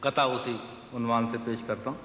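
A man reciting humorous poetry at a poetry gathering, repeating each verse slowly, at times half-singing. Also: mid-range voice, fairly even intonation, fairly bright tone. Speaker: poet. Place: stage of a large hall with a live audience. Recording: echoey hall, slight noise, live event.

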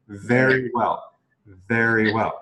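Male pronunciation teacher, unhurried drills, repeats words, roomy echo. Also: medium pitch, steady tone, sharp tone, a little hiss or hum. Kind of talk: bilingual pronunciation lesson.

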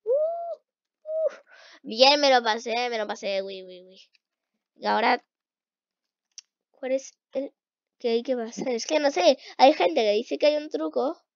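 High-pitched girl playing a game, yelps and mutters, gravelly voice, dull dry lo-fi sound. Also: a little slow, pauses often, no room sound. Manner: excitable, shrieks at failures, mutters while playing. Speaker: gaming youtuber. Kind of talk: casual let's-play commentary.

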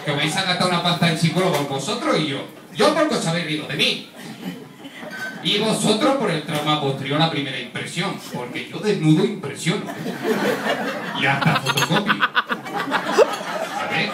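A man's voice: on the high side, heavy background noise. A man from doing a stand-up comedy monologue, teasing the audience with constant tag questions. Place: comedy stage with a live audience. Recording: roomy, distant mic, audience laughter.

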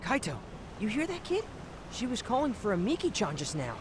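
A man's voice: high voice, wildly swooping pitch, a little fast, noisy background. An actor playing an earnest, eager young man in a video game dub. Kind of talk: English game dub acting.

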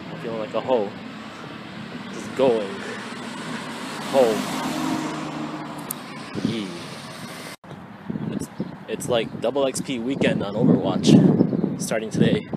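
Speaking on the low side with a steady tone, this man in his twenties keeps a measured pace broken by long pauses. He's a vlogger rambling casually to his phone outdoors on residential streets, slangy and cursing, in a noisy handheld recording.

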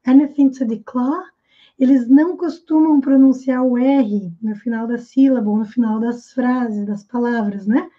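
High-voiced Brazilian woman teaching English. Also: phone-quality sound. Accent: Brazilian Portuguese. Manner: repeats English phrases slowly and carefully. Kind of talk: explaining pronunciation in a video lesson.

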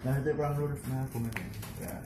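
A man directing a comedy shoot, giving brisk instructions. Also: mid-range voice, fairly even intonation, noisy background.

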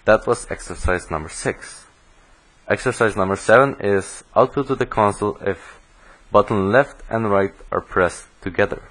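Low-voiced man explaining code. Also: poor audio. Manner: steady explanatory, self-correcting restarts. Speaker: programming instructor. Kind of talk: screencast coding tutorial.

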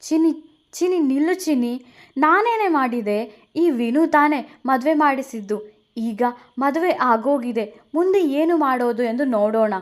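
A woman's voice: a little high, moderate pace, natural voice. Woman reading as an anxious young groom. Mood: pleading. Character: young man, anxious then pleading groom.

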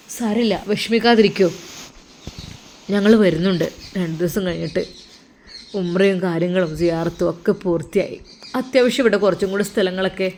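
Consoling younger brother, soft and reassuring, voiced by a woman. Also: medium pitch, a little hiss or hum, natural voice. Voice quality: soothing, reassuring. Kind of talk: storybook narration.

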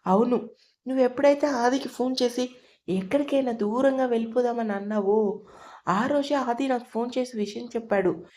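A woman's voice: a little high, normal speed, dark tone, close to an everyday voice. A woman voicing a cocky, teasing young man in an audio story, speaking in a blunt and careless way.

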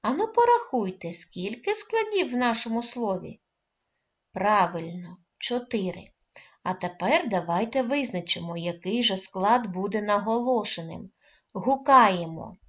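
A woman teaching a first-grade reading lesson, coaxing the children and praising them often, calling out words loudly and stretching their syllables. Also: mid-range voice, animated, unhurried, highs cut off. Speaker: primary school teacher.

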